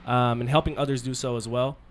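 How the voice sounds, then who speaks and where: A man's voice: mid-range voice, level tone, quick pace, slight background noise. A man hosting a casual podcast, introducing his guest with hype and plenty of filler words. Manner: hyped, friendly, filler-heavy slang. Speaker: podcast host.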